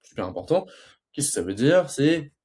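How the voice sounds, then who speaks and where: A man's voice: medium pitch, very animated, moderate pace, a little mellow, husky. A young man coaching sales closing in a casual talk, stuttering and restarting often, and acting out both sides of a sales call. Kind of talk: casual teaching monologue.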